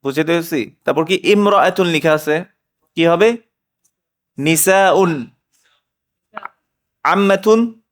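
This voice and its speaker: A man's voice: a little high, slow pace, long pauses. A middle-aged man teaching a classroom language lesson, patiently drilling and questioning his students. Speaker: Arabic teacher.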